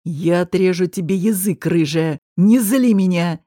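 A woman voicing a cold, cruel male gangster boss who threatens in a low hiss in an audiobook. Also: moderate pace, a little mellow, no room sound, clean studio sound, lightly acted. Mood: menacing.

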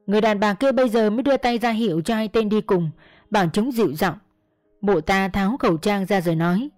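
A woman narrating a first-person story in a steady storytelling manner. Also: medium pitch, fast, no room sound. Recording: dry close mic, faint music.

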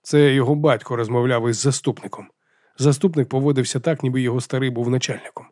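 A man reading an audiobook in an even, measured narration. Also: medium pitch, no room sound, studio quality. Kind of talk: scripted narration.

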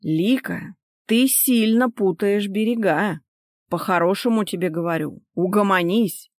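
A woman's voice: mid-range voice, unhurried, dry recording, lightly acted. A woman voicing a stern, domineering husband who speaks in a clipped, sarcastic, commanding way, in a dry close recording. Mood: stern cold.

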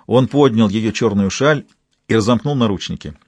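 A man narrating a novel as an audiobook in a measured storytelling manner, with a husky voice. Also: lowish voice, darkish tone, no echo.

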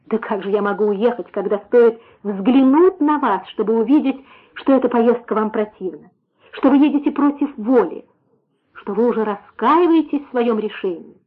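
Woman reader doing a young man, pleading, impassioned, husky, tinny phone-like audio. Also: fairly high pitch, normal speed. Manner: impassioned, questioning. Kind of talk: audiobook reading.

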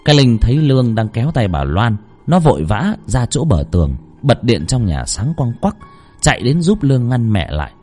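Brief: husky male narrator, dramatic storytelling, faint music behind. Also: medium pitch, big pitch swings, moderate pace, darkish tone.

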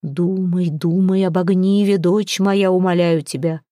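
A woman voicing an excitable, stern chieftain father in a read-aloud story. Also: lowish voice, a little slow, dry recording, studio quality, natural voice. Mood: excited. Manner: agitated, exclaiming.

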